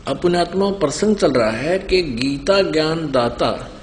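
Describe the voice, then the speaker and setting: A man's voice: on the high side, animated, measured pace. A man preaching a sermon, citing scripture chapter and verse and reciting Sanskrit verses. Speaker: spiritual preacher. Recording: long hall reverb, faint noise.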